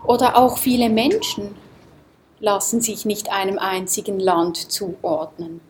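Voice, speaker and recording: A woman teaching meditation, speaking slowly and unhurriedly to a group. Her tone is calm and reflective, and she keeps turning to the room with gentle questions. Her voice sits at a middle pitch. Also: a little hiss or hum. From Switzerland. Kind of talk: Dharma talk to a group. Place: seminar room.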